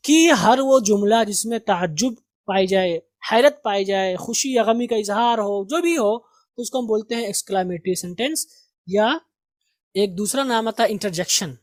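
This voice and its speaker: A woman's voice: on the high side, no room sound, studio quality. Patient woman teacher. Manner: patient, repeats and drills pronunciation, asks the class questions. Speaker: English grammar teacher. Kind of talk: explanatory lesson.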